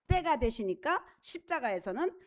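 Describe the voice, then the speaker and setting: A woman's voice: sits high, big pitch swings, moderate pace. A woman pastor preaching a sermon in a conversational, emphatic way, asking her listeners questions, repeating key phrases and acting out prayers. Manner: conversational, asks the congregation questions; acts out prayers and quoted speech.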